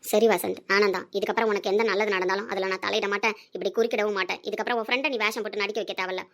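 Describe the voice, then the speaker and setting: A woman playing a young woman in love who answers quietly and with resignation in an audio drama. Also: mid-range voice, fairly even intonation, very fast, pitched below the performer's own voice, close to an everyday voice. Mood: resigned.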